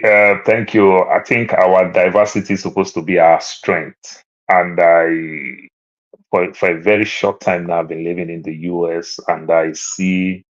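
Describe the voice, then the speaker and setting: A Nigerian-accented man from Lagos, a panelist in an online discussion, recounts stories from his childhood. His storytelling voice climbs higher and louder whenever he drives a point home. The audio has a dull, lo-fi online quality.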